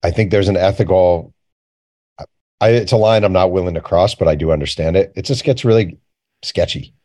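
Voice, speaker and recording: Deep-voiced and brisk, with a dark tone, a male journalist-author appears as a guest and chats informally through his stories. He often drops in pieces of conversation he recalls, acting them out without much flourish.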